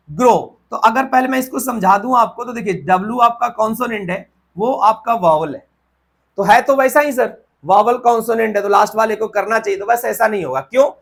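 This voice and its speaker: With a husky voice that sits high, an Indian man gives a grammar lesson at a whiteboard, often pausing to confirm the students understand. He spells words letter by letter and shifts into slow, deliberate reading for the English rules.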